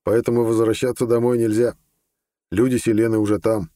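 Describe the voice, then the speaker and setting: A man's voice: mid-range voice, flat delivery, fairly quick, dark tone, no room sound, close to an everyday voice. A man voicing a determined young man in an audiobook, terse and urgent.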